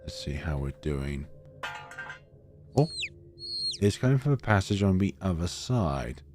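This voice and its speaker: A man's voice: deep voice, big pitch swings, measured pace, over music. A man streaming a game, mixing commentary with theatrical read-aloud of the text.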